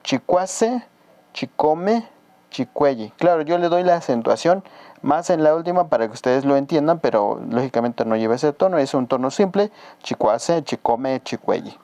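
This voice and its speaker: A man with a Mexican Spanish accent gives a casual language lesson in a mellow, mid-pitched voice. He is patient and stretches words out slowly, repeating them for learners. The sound is dry and close. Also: lively intonation, no room sound. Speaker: language teacher.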